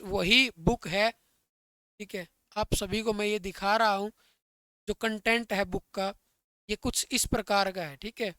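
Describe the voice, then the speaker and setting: A man leads an online exam-prep grammar lesson in a bright, crisp voice that sits high for a man. He calls his listeners brother and dear friends and keeps asking whether everything is clear. The sound is dry, with no room echo. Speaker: Hindi grammar teacher.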